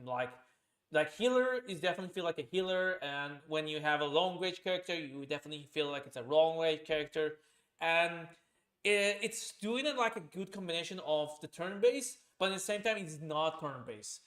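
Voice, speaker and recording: A streamer and podcaster with a slightly high, fairly bright, expressive voice chats casually at a moderate pace, speaking loudly and meandering through fillers and restarts.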